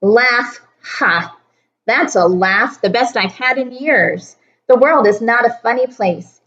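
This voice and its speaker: A woman's voice: a little high, a bit bright, dull audio. A woman voicing a gloomy, grumpy businessman in a rhyming storybook, with a scoffing, bitter manner.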